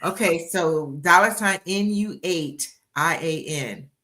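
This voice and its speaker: Woman, 60s, host, book coach, livestream interview, upbeat, encouraging, bright voice, video call. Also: lowish voice, takes it slowly. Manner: upbeat, encouraging, repeats herself.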